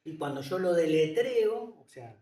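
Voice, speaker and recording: A man's voice: fairly high pitch, expressive, a little slow, warm tone. Hesitant man in an echoey room. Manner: hesitant, many fillers and restarts. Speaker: interview guest. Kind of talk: casual conversational interview. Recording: echoey room, distant mic.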